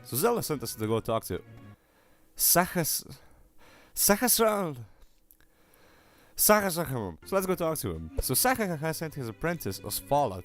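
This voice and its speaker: A man delivers a casual, scripted video game review with a very lively, swinging pitch. His manner is sarcastic and joking, and music plays clearly behind his voice.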